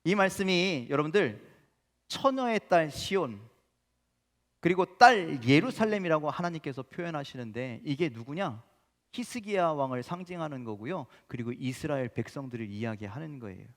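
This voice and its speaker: A male pastor giving an animated, emphatic sermon in a church sanctuary. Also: fairly high pitch, normal speed. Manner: animated, emphatic preaching with sudden loud rises. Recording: long church reverb.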